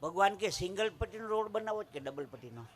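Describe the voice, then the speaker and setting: A man with a Kathiawadi accent tells folk comedy from a village stage, his voice pitched high and ringing with a sharp, bright edge. He lands each punchline hard and slips into the voices of the people in his stories. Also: expressive, fast. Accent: Kathiawadi Gujarati. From Saurashtra, Gujarat. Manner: punchy joke-telling, acting out quoted voices. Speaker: folk storyteller and humorist. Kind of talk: live folk comedy storytelling. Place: live stage at a village religious event.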